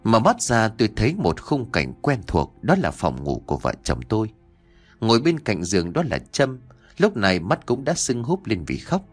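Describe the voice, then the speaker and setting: A man's voice: on the low side, sing-song, moderate pace, faint music behind. A man narrating a first-person ghost story in a scripted reading.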